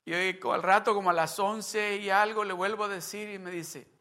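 A man's voice: sits high, fairly even intonation, normal speed, bright, forceful tone. A man preaching a sermon, telling a personal story in a conversational way and acting out remembered dialogue. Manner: conversational, with restarts and asides to the congregation. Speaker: pastor.

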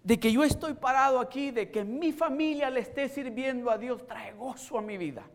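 High-voiced preacher shifting between Spanish and English. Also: male voice, normal speed. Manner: swings from soft storytelling to shouted exhortation. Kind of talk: bilingual sermon with personal testimony.

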